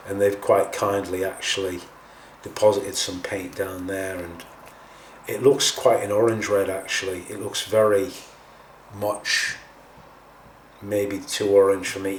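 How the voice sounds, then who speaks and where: Male hobby tutorial host, lowish pitch, informal and hesitant, picked up from a distance with faint noise. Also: roomy sound. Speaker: host of a scale model painting tutorial. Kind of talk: casual hands-on tutorial talk.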